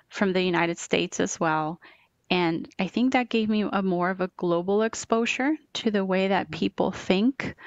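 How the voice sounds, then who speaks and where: A middle-aged Colombian woman with a lowish voice answers interview questions earnestly as a guest, often repeating words and checking in with "right?" The recording is dry and lo-fi.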